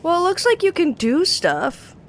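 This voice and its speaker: Young woman gamer streaming, high voice, rambly and swears a lot, cheap desk mic. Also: sing-song, normal speed, a little hiss or hum. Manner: rambling, loose, swears casually. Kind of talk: casual gaming stream chat. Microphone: cheap desk mic on an arm.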